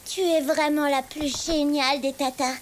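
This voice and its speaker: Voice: high-pitched, level tone, moderate pace, slight background noise, natural voice. An actor voicing a scheming little boy in a cartoon, imperious and taunting, with a falsely sweet side. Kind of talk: French animated cartoon dubbing. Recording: music behind the voice.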